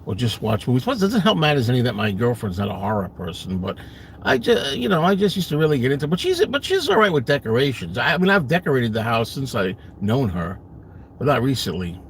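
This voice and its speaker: A middle-aged live stream host with a Brooklyn, New York accent chats casually from his parked car, answering viewers. His mid-range voice is very animated, and he talks fast and rambles in a self-deprecating way. There is a little hiss or hum in the audio.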